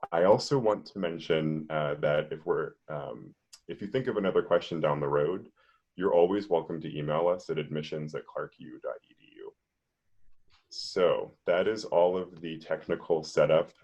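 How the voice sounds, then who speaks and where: A man with an extremely low, husky and slightly mellow voice moderates an online panel over a video call. He explains things steadily, often saying "um." The audio is muffled and lo-fi, typical of a video call.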